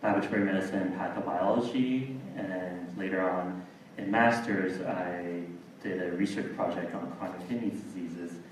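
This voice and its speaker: Deep-voiced guy at a seminar panel, halting with lots of ums, echoey room, mic far off. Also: a little mellow, a little hiss or hum. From Taiwan. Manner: halting, many fillers. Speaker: panel speaker. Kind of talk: seminar talk.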